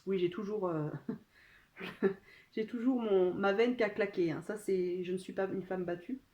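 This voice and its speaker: A woman's voice: medium pitch, fairly even intonation, moderate pace, darkish tone, muffled recording. A woman chatting casually to her phone during an unboxing, talking in a hesitant way full of fillers. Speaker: vlogger. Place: at home.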